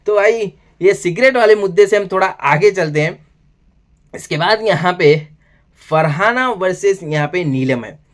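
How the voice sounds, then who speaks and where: A man giving a casual video review of a TV show, excitable and calling the listener "brother" again and again. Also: high-pitched, measured pace. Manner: excitable, addresses listener as "bhai" constantly.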